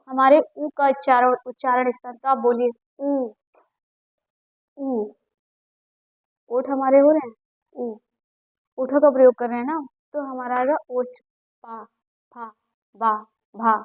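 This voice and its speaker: A woman's voice: sits high, no room sound, dull audio. A woman teacher giving a lesson, patiently repeating sounds aloud for students to copy. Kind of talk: classroom lesson on Hindi phonetics.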